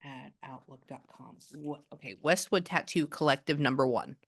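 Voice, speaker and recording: A psychic medium gives a casual reading over a video call, chatting and rambling with lots of restarts. Her voice sits low and she talks at a normal speed.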